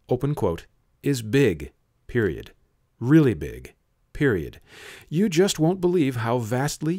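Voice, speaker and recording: A man reading a book passage aloud, dictating each punctuation mark in a lower, flatter voice. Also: no echo, clean studio sound. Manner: reads aloud, saying punctuation marks in a low flat drop. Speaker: reader.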